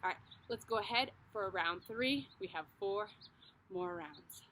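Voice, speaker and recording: A woman's voice: medium pitch, lively intonation, a little slow, very noisy. A woman fitness instructor guiding a home workout, calling out the moves and cheering people on. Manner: encouraging, coaching. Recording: echoey room with guitar music.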